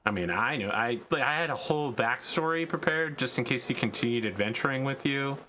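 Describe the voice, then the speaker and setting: A man's voice: medium pitch, lively intonation, a little fast, sharp tone. A man casually narrating a tabletop game as game master. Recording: faint background noise.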